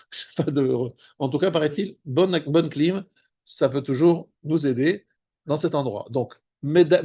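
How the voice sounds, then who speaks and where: A man, a rabbi, teaching a spoken Torah lesson, explaining patiently and slowing down on Hebrew terms. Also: a little high, darkish tone, husky, lo-fi sound. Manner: explanatory, repeats and restarts words, stresses Hebrew terms slowly.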